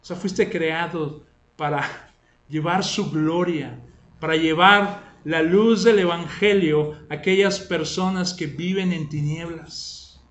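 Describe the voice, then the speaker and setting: A man's voice: a little high, fairly even intonation, slow, a bit bright, echoey room. A man preaching a sermon in a conversational way, often asking his listeners rhetorical questions. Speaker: pastor.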